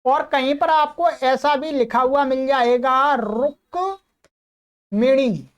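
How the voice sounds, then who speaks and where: A woman with a high-sitting voice and steady tone reviews a Sanskrit answer sheet in a recorded lesson. She explains patiently, reading the translations and examples word by word at a slow pace and regularly checking that the listener is following.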